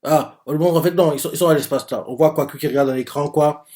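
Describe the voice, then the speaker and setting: Fairly high-pitched yet dark-toned, this man talks at a quick pace. As host of a live manga reaction channel, he reads page by page and thinks out loud, hesitant and packed with "euh" and "en gros." He explains along the way and paraphrases other characters' lines in his own voice.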